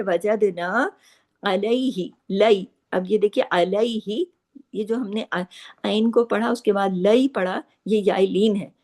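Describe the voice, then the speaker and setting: Woman, recitation teacher, mid-pitched, patient and explanatory, slow drawn-out recitation of words. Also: warm tone. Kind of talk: tajweed lesson, explaining and reciting.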